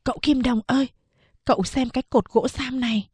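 A woman's voice: high voice, fairly even intonation, a little fast, darkish tone, husky, no echo, voice pushed up. Woman putting on an eager, pleading young boy. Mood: urgent coaxing. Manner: urgent, coaxing. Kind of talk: audiobook character voice.

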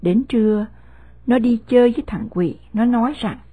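A woman narrating a novel chapter in a steady, measured storytelling voice. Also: on the high side, no room sound. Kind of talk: scripted audiobook narration of a novel.

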